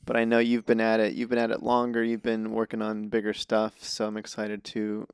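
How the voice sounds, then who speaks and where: A man hosting a podcast, asking curious, halting questions in a casual interview. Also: fairly low pitch, completely flat delivery, smooth, no echo, clean studio sound. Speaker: podcast host.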